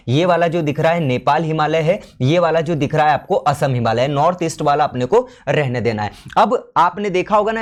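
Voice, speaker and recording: Male coaching teacher, fairly high voice, casual drilling delivery, recorded online lesson. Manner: chatty, repetitive drilling with mnemonics. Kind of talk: online exam-prep lesson. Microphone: recorded lesson over a shared map.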